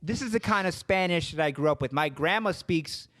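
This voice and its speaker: A man hosts a podcast interview and tells stories about his family. His voice sits a touch high for a man. He rambles and hesitates, often stumbling over and repeating his words. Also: lively intonation, fairly quick, fairly bright tone. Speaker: podcast host.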